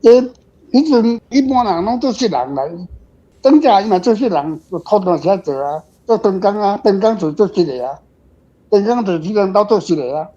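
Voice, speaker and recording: His voice is high, mellow and animated, moving at a moderate pace, with a Taiwanese accent. The man rambles casually and repeats words while answering as a guest author in a panel discussion, heard through dull, lo-fi audio.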